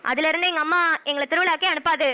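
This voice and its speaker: A woman's voice: high voice, steady tone, very fast, pushed and bright. A woman voicing an anxious, tender young village woman in a cartoon, emotional. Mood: sad. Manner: emotional, teasing then tearful. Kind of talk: cartoon dialogue acting.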